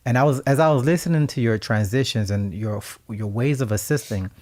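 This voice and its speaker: Telling stories on a radio talk show he co-hosts, a Haitian man talks in a brisk, medium-pitched voice. His tone is reflective and emphatic, at times turning animated and breaking into laughter.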